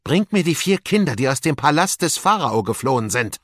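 A man's voice: on the high side, very animated, fairly quick, fairly bright tone, no room sound, studio quality, voice pushed up. A man voicing a sinister old male vizier sorcerer, murmuring and commanding, for a storybook reading. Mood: menacing.

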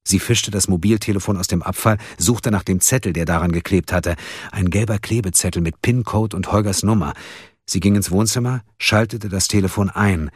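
A man narrating an audiobook in a steady, measured storytelling voice. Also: deep voice, slightly rough, no echo, studio quality. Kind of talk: scripted narration.

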